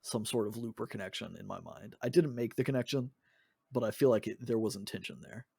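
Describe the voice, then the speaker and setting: A man co-hosting a podcast, chatting casually about music in a thoughtful, halting way with many restarts. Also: lowish voice, gravelly, dark tone, breathy edge, no echo. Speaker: podcast co-host.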